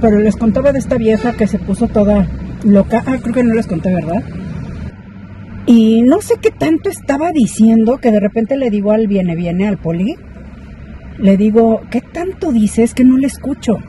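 A woman's voice: on the high side, expressive, normal speed, dark tone. Lady vlogger ranting to her followers, chatty, noisy background. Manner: chatty, indignant, talks straight to viewers. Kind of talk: casual storytelling vlog. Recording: clear background noise.

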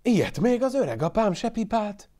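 A man voicing an excitable old shepherd who calls and exclaims loudly in a raised voice. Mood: amazed. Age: older. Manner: loud, high-pitched calling and exclaiming.

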